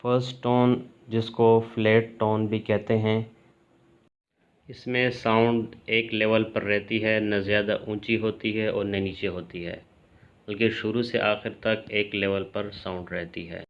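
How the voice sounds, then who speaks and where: A man teaching a language lesson in a calm, measured way, clearly spelling out each sound. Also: lowish voice, dull audio. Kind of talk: slow explanatory lesson.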